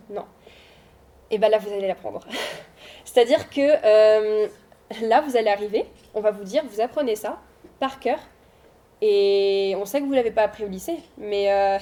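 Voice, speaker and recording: A young adult woman, a student, giving an informal, reassuring talk to high schoolers in a school room, hesitating often with fillers. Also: warm tone. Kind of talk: informal presentation.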